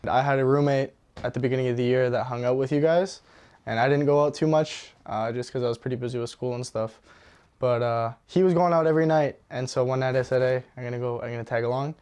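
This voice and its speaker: Smooth-voiced young man. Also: medium pitch, fairly even intonation, fast, darkish tone. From Ontario, Canada. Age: young adult. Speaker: interviewee. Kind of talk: documentary interview.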